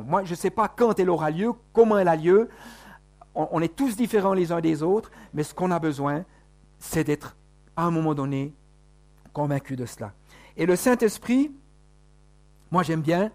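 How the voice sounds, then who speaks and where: A man's voice: high-pitched, darkish tone. A man preaching a sermon in a conversational way, with many rhetorical questions to the congregation. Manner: conversational, full of rhetorical questions and tag words.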